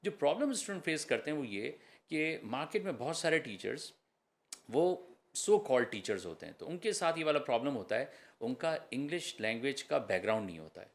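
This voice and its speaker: A man's voice: medium pitch, sing-song. A man, an IELTS trainer, answering podcast questions in an explanatory way and slipping English terms into his talk.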